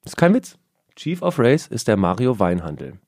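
A man chatting casually as a co-host, full of jokes and mock-serious asides. His pitch swings freely up and down. The sound is close and dry, with no room around it. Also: moderate pace, no echo. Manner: joking, teasing, lively. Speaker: podcast co-host. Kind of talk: casual sports chat.

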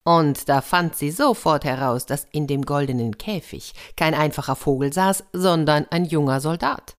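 A woman telling a fairy tale aloud in a lively way, with chatty asides to the listeners. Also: low-pitched, normal speed. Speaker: storyteller.

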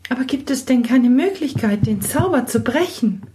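A woman's voice: a little slow, dark tone, lightly acted. Woman putting on a stammering young noblewoman. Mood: pleading. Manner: stammering, high and breathless. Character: timid excitable young noblewoman. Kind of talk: fairy tale reading.

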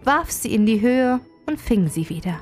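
A woman's voice: a little high, very animated, moderate pace, darkish tone, soft background music. Chatty woman reading a fairy tale. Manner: joking, chatty asides while narrating. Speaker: podcast co-host and storyteller.

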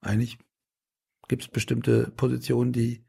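A man's voice: mid-range voice, completely flat delivery, moderate pace, vocal fry, mellow, slightly rough. A middle-aged man in a casual interview, talking in a rambling way with many restarts and fillers. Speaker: politician guest.

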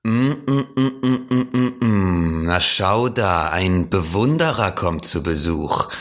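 A man voicing a vain, boastful man who craves admiration, with a preening, drawn-out way of speaking in an audiobook reading. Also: sits low, animated, faint music behind. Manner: preening, drawn-out and self-satisfied.

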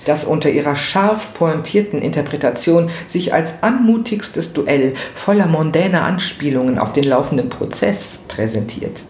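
A man reading literary prose aloud in a measured, expressive way. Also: fairly high pitch. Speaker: reader. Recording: roomy with faint noise.

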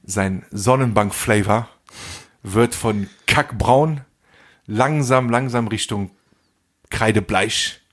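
A man's voice: fairly low pitch, slow pace. A man in his forties, co-hosting a casual podcast chat, telling an anecdote in street slang and acting out the voices of the people in it. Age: 40s. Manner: street slang, animated anecdote with acted quotes. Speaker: podcast co-host.

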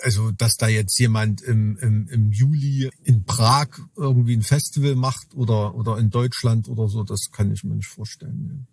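A man co-hosts a podcast in loose, rambling chat, often restarting sentences and tagging them with little questions. His voice is husky and a bit breathy. The recording is dry, with no room sound. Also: on the low side, steady tone, moderate pace, hardly any pauses, darkish tone, dry recording. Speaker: podcast co-host. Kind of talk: casual chat.

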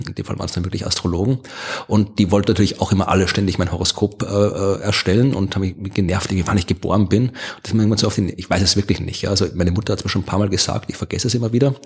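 Husky, sarcastic Austrian man chatting. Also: low-pitched, steady tone, rapid-fire, a little mellow. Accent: Austrian German. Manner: chatty and sarcastic, laughs often, many fillers. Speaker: podcast co-host. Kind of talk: casual podcast chat.

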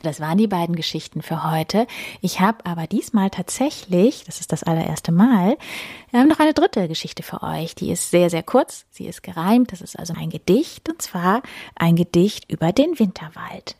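A woman reading a bedtime story aloud, gentle and hushed, often dropping to a whisper. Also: lowish voice, expressive, normal speed, breathy edge, dry recording, studio quality.

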